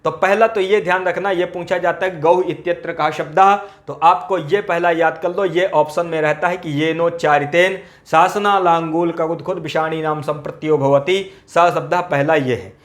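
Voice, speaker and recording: A man's voice: fairly high pitch, fairly even intonation, normal speed, few pauses. A man teaching Sanskrit grammar in an exam-prep lecture, repeating key phrases and asking rhetorical questions.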